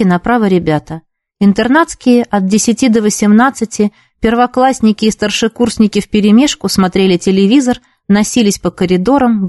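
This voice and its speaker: A woman giving an expressive book narration, lively and voicing the characters as she reads. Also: mid-range voice, no echo, studio quality. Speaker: audiobook reader.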